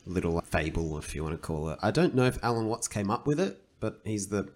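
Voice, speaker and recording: A man's voice: deep voice, big pitch swings, brisk, a little hiss or hum. Man rambling through a casual podcast chat. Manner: rambling, thinking aloud, retelling stories. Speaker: podcast co-host.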